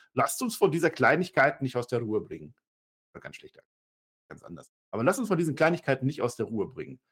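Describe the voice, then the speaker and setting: A man co-hosting a wrestling review podcast in casual chat, animated and sarcastic. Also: vocal fry, husky. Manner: animated, sarcastic, jumps to high pitch when excited.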